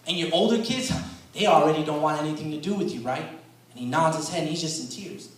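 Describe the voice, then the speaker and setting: A man preaching a sermon in a conversational storytelling way, often saying "man" and repeating words, and getting loud and intense to drive a point home. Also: a little high, quick pace. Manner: rises loud and intense for emphasis. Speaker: guest preacher. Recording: echoey hall, voice picked up from a distance.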